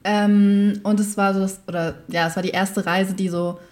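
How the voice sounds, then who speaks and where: A woman's voice: mid-range voice, flat delivery, moderate pace, darkish tone. A teenage girl as podcast guest in casual chat, hesitant and thoughtful, with many fillers. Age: teens.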